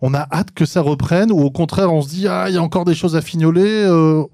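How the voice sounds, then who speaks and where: A man's voice: on the high side, fairly even intonation, brisk, mellow, dry recording, studio quality. A man hosting a podcast, asking questions in a lighthearted way. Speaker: podcast host. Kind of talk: casual podcast interview.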